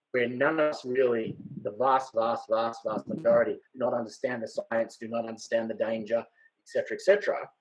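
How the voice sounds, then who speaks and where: Male panelist, measured and emphatic; mid-range voice, slightly dull audio. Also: mid-range voice, a little mellow. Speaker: podcast panelist. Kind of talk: casual discussion.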